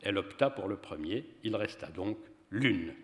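A man gives a public reading of a story, measured and expressive. His voice sits fairly low. A long reverb from the hall trails behind him. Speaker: reader at a literary event.

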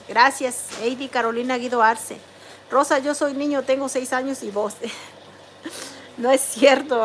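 Young woman, high voice, livestream host reading chat and greeting viewers by name, faint background hum. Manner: chatty, warm greetings to each viewer, reads chat names aloud. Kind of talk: casual livestream chat, reading comments aloud.

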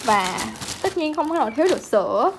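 A woman's voice: high voice, big pitch swings, a little fast, background noise. A woman, chatting casually at home to viewers and fussing over her puppies in a doting voice. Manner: doting, chatty, talks baby talk to puppies. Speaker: pet vlogger. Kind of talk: casual vlog narration.

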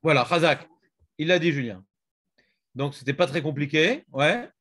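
A man's voice: a little high, moderate pace, a bit bright. A man teaching a Talmud class, questioning and prodding his students.

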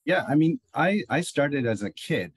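A middle-aged man from Chile speaks on a video call in a husky, breathy voice. The sound is dry and close, and he talks eagerly, rambling and restarting his sentences. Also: on the high side, very animated, moderate pace, no echo. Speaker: panel guest, bird tour guide. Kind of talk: casual panel discussion. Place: home office on a video call.

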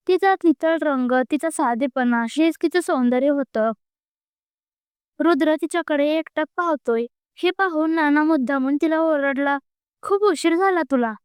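A woman reading a serialized story aloud in steady storytelling narration. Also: high voice, no room sound, studio quality.

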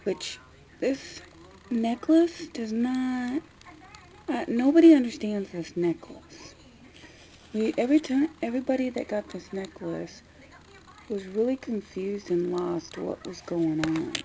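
Dark gravelly woman rambling casually. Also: a little high, takes it slowly, a little hiss or hum, rough recording. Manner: rambling, loose and chatty. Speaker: vlogger. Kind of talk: casual haul vlog.

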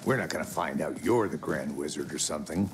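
An actor playing a gruff male FBI agent in a video game, dry and sardonic. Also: rumbling low, a little fast. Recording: noisy ambient background.

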